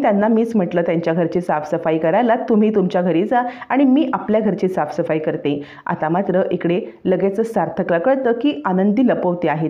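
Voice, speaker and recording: A woman narrating a television serial recap as a story, voicing each character's lines in turn with animated delivery. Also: mid-range voice. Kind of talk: dramatic story retelling with voiced dialogue. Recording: dull lo-fi sound.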